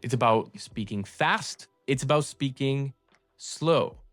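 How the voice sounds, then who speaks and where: A man hosting a course, recapping a lesson casually and often pausing on filler sounds. His voice has a medium pitch and a dry, close sound, with faint music behind him. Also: a bit bright, no room sound. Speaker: course host.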